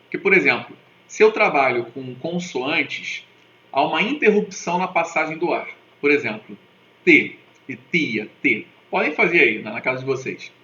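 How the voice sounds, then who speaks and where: A man teaching a lesson in a very bright, forceful voice, checking in with his viewers after nearly every point. He spells out sounds and asks them to repeat along. The recording is dull and lo-fi, with a roomy echo and a faint hiss. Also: a little high, animated, moderate pace. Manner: didactic, keeps checking in with "tá?" and "né?". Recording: echoey, dull lo-fi room recording with faint noise.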